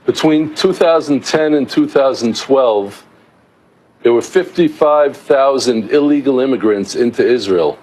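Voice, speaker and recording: A man's voice: mid-range voice, a little slow, a little mellow, low-quality recording. A middle-aged American-raised man, an author, giving a remote news interview in an explanatory way with many restarts. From United States. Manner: explanatory, with frequent restarts and fillers.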